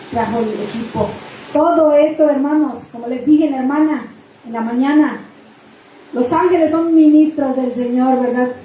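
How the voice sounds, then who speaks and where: A woman's voice: high voice, mellow, slight background noise. A woman pastor preaching a sermon, retelling a story with quoted dialogue and repetition, recorded in a church hall. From Mexico.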